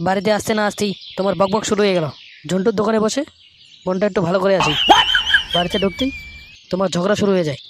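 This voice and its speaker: Cartoon role: played by a woman timid, whiny husband, rushed, a bit lower. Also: very noisy, lightly acted. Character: meek henpecked husband and customer.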